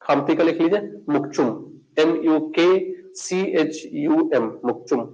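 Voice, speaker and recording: Slow-spelling Indian male teacher. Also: fairly high pitch, darkish tone, muffled recording. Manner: slow dictation, spelling words letter by letter. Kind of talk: exam coaching class dictation.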